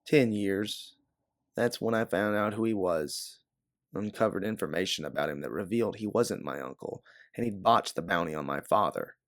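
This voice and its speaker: A man with a low voice performs the dialogue of a wary, toughened female bounty hunter for a sci-fi audiobook. He speaks at normal speed in a bitter, matter-of-fact tone. The studio recording is clean, without any echo.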